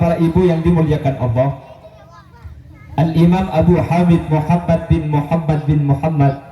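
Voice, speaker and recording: A man delivers an Islamic sermon to a gathering, joking, self-deprecating, speaking straight to listeners, and weaving in Arabic quotations. His voice is high-pitched with a dark tone, captured in a roomy, distant, noisy live recording.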